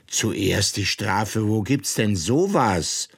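A man's voice: on the low side, sing-song, slow pace, gravelly, full character voice. A man voicing a young girl who answers back bluntly and defiantly, in a storybook reading. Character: young girl, bold and fed up.

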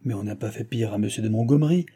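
A man's voice: on the low side, fast, warm tone, slightly rough. A man voicing an aging, evasive king in an audiobook, exclaiming in exasperation. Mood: exasperated. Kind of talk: audiobook reading.

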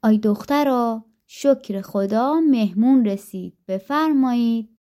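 A woman's voice: fairly high pitch, dark tone, natural voice. A woman voicing a frightened old mother in a spoken folktale, with a fretful, wailing manner. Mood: nervously polite.

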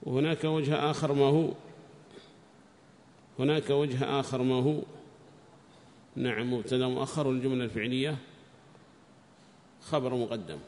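A male teacher explains classical grammar and variant readings of a verse, reading quoted lines louder and higher, then dropping back to explain. His voice carries a long reverb tail, with a faint hiss of room noise beneath it. His pitch sits at an ordinary middle level. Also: steady tone, moderate pace, long pauses. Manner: raises pitch and volume to read quoted text, drops to explain. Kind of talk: classical Arabic grammar and Quran recitation lesson.

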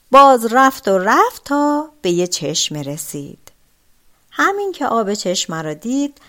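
A woman narrating a folk tale as an audiobook, dramatic and expressive. Her voice is fairly high and moves through a wide, animated melody. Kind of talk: storybook narration.

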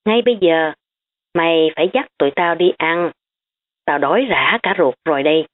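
Woman reading a blunt, teasing schoolgirl; low voice, phone-like sound. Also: moderate pace, lightly acted. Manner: frank and teasing. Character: blunt, teasing, hungry female student. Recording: tinny phone-like audio.

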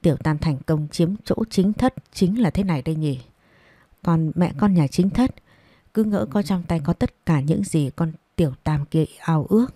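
A woman narrating a romance audiobook in a steady, measured reading. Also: low-pitched, no echo. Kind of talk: storybook narration.

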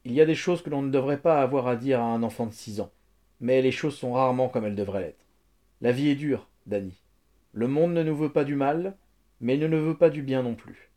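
A man's voice: mid-range voice, a little fast, dark tone, natural voice. A man voicing a kindly, wise older mentor. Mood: earnest. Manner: earnest, soothing counsel.

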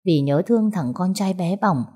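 Low, mellow woman narrating a story. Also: moderate pace, slightly rough. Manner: steady reading, voicing every character herself.

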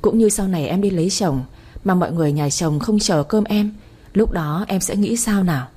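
A devoted young wife, gentle and trusting, speaks softly to her husband, as a woman reads her part. The voice is low, husky and mellow. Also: normal speed. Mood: pleading. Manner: gentle, pleading.

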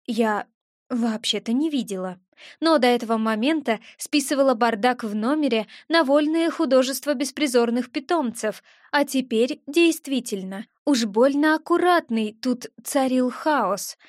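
A woman reads a first-person fantasy audiobook with a wry, ironic tone. Her voice is high, and the close recording is dry with no room sound. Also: expressive, unhurried, dry recording. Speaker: audiobook narrator.

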